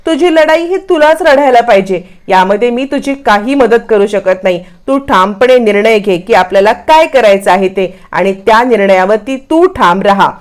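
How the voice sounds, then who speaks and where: A woman voicing an elderly grandfather figure who gives calm, firm advice. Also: high-pitched, normal speed, hardly any pauses. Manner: firm, advising.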